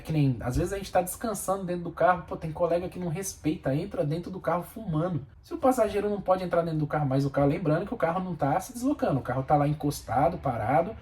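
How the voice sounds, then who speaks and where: His voice is a little high and mellow as this Brazilian bus driver vlogs casually in Portuguese with a Brazilian accent. He states his opinions plainly and repeats them for emphasis.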